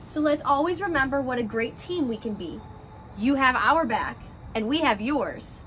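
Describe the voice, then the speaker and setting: A first grade teacher in her twenties reads aloud expressively and speaks directly to her young pupils from a porch by glass doors outdoors. Her voice sits high and is a bit bright, with lively intonation and a moderate pace. A little hiss or hum runs under the recording.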